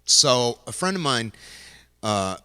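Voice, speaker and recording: A man's voice: mid-range voice, sing-song, slow pace, pushed and bright, smooth, long reverb tail. A man hosting a casual gear talk, rambling loosely with frequent restarts as he speaks into a handheld vocal mic. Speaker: host demonstrating music gear. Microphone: handheld vocal mic into a loop station.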